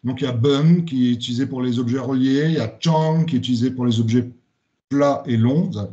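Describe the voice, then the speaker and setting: A man's voice: mid-range voice, steady tone, fast, dark tone, muffled recording. Hesitant French-speaking man giving a lecture. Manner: hesitant, many "euh" fillers and restarts. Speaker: student giving a presentation. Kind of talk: spoken lecture presentation.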